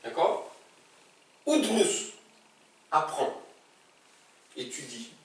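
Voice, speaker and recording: Slow, animated male teacher in echoey room. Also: on the high side, slight background noise. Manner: patient, checks understanding often. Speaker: Arabic teacher. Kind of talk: classroom lesson. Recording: very echoey room, distant mic.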